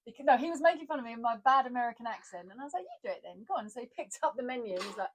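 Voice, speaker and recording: A woman's voice: a little high, rapid-fire, a little hiss or hum. A woman with an Essex accent, an actor co-hosting a casual chat, who tells stories with lots of laughter. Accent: Essex English. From Essex, England. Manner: chatty, laughs often, animated storytelling. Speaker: podcast co-host, actor.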